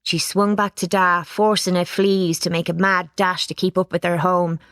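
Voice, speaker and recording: A woman reading a children's storybook aloud, giving it lively expression. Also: fairly low pitch, normal speed, dry recording, clean studio sound. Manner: lively character voices, plain narration. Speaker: audiobook reader. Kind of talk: storybook narration.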